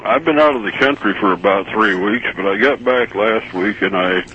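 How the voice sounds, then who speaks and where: A man phones in to a talk radio program and grumbles skeptically about how public money gets spent. His fairly low voice comes across dull and muffled, as if taped off the radio, with a faint hiss underneath. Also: normal speed, sharp tone. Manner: skeptical, gripes about city spending. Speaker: radio call-in listener.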